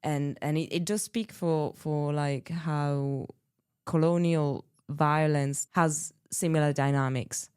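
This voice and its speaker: A woman interviewer talking in a measured, engaged way, with some fillers as she thinks. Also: low voice, fairly even intonation, darkish tone, clear, resonant tone, no echo, clean studio sound. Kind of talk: conversational interview talk.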